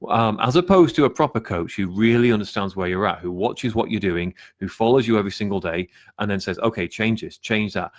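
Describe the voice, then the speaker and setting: A middle-aged man giving sales advice straight to camera, talking candidly and bluntly and swearing now and then. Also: lowish voice. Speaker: sales and marketing coach. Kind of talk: direct-to-camera business advice video.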